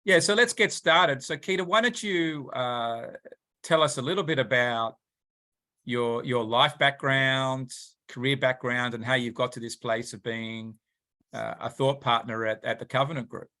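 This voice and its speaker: A man's voice: medium pitch, measured pace, sharp tone. A man hosting an interview podcast, welcoming his guest with frequent fillers. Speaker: podcast host.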